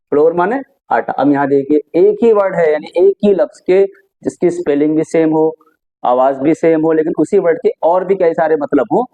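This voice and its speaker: Mellow-voiced male teacher explaining patiently. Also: medium pitch. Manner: explains patiently with rhetorical questions and many examples. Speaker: English teacher. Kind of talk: classroom lesson explaining vocabulary. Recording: slightly dull lo-fi recording.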